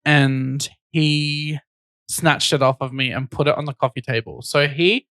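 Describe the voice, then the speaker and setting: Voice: mid-range voice, a little slow, no room sound. A podcast host chatting casually and telling stories in a jokey, teasing way. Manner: teasing, jokey, animated storytelling. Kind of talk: casual comedic podcast chat.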